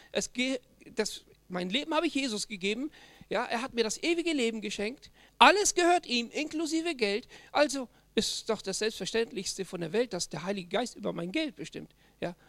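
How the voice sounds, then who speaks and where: A man's voice: very high-pitched, creaky, dry recording. A man preaching a sermon as pastor, emphatic and direct, often tagging his points with a questioning "ja?" to the congregation.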